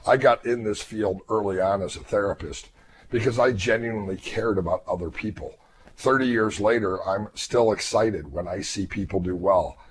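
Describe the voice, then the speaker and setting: A middle-aged male hypnotist and therapist speaks in a fairly low, earnest voice, measured and sincere. His voice is slightly weakened since throat surgeries. A faint hiss of background noise sits under the recording. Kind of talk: reflective talk to fellow hypnotists.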